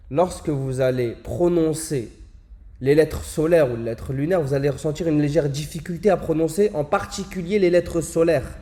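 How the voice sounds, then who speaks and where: Patient man with a mellow voice teaching. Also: on the high side. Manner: patient, repeats words slowly and stresses sounds. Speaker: Arabic teacher. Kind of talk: explaining a lesson, slow demonstrations of words.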